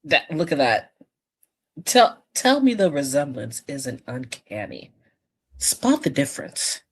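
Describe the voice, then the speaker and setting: A woman with a notably low voice co-hosts a live reaction stream. She teases and presses her points, often turning to address the chat directly. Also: sing-song, slow, slightly rough. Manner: teasing, emphatic, talks to chat. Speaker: co-host.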